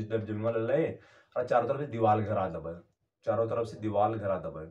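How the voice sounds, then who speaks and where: A man's voice: fairly low pitch, narrow, tinny audio. Rambling man telling a story from far off. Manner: rambling, halting, many fillers and restarts. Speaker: YouTuber. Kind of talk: casual first-person storytelling.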